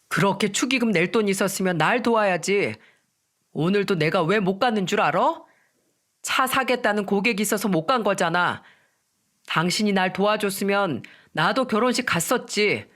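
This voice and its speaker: A woman's voice: mid-range voice, lively intonation, normal speed, a bit bright, close to an everyday voice. Woman doing a curt, selfish husband. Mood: dismissive. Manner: curt and dismissive. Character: selfish, defensive middle-aged husband.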